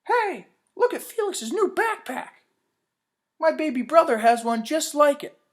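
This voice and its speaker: A man voicing a teasing young schoolkid in a read-aloud story, in a shrill, mocking tone. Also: very animated, unhurried, heavily acted.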